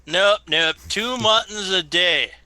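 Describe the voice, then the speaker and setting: A man voicing a gruff, blunt giant cyclops guard who bargains stubbornly in a tabletop game. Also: sits high, slow pace, pushed and bright, pitched above the performer's own voice, exaggerated voice, rough recording. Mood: stubborn haggling.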